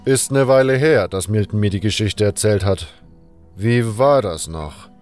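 A man with a fairly low, slightly slow and mellow voice plays a gruff, carefree adventurer in a fan-made audio drama. The character is blunt and unschooled, rambling colloquially in a musing, offhand, unbothered way. The acting is light, and faint music plays underneath.

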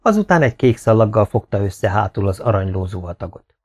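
A man reading a novel aloud as an audiobook narrator, in a steady, even manner. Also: lowish voice. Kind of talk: scripted narration.

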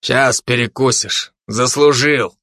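A man's voice: mid-range voice, slow pace, pushed and bright, no room sound, clean studio sound. A man voicing a wry male worker who speaks with mocking irony. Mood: ironic. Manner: ironic, drawn out.

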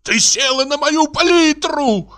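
A man voicing a hot-tempered painter who rants and shouts in an audiobook reading. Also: fairly high pitch, very animated, normal speed, pitched above the performer's own voice. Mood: ranting. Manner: ranting, shouting.

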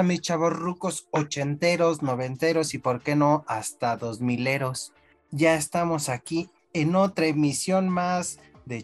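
A man with a Mexican accent hosting a radio show with casual, joking, slangy banter. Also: a little high. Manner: joking, informal.

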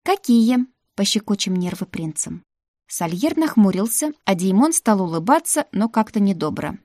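A woman narrating a fantasy novel in the first person, with lively, wry storytelling. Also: mid-range voice, normal speed, dry recording, studio quality. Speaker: audiobook narrator.

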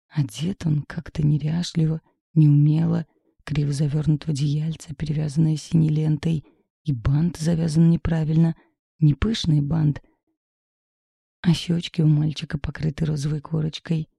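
A woman's voice: low-pitched, gravelly, warm tone, slightly rough, dry recording. A woman reading a novel aloud in the first person, in a worried, confiding manner. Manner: worried, confiding inner monologue. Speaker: audiobook reader.

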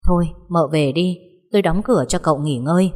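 A woman's voice: on the low side, lightly acted. A woman doing a coolly polite young wife. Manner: calm, measured. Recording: long hall reverb.

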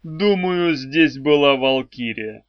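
A man's voice: fairly high pitch, slow, dry recording. A man voicing a self-assured, mocking lord of darkness with a dry ironic manner. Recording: dry, slightly dull audiobook recording.

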